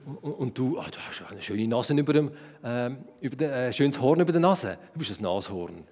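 A man with a Swiss German accent voicing Adam, the first man, slowly and hesitantly naming the animals. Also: medium pitch, lively intonation, darkish tone, long reverb tail, lightly acted. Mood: musing.

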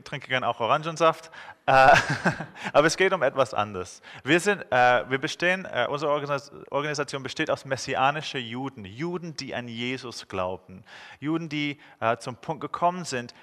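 This guest preacher from England, a man in his thirties with an English accent, speaks at a medium pitch in a clear and forceful way. His sermon is warm and full of jokes, though he often stops to hesitate. A long reverb follows each phrase, like sound filling a big hall.

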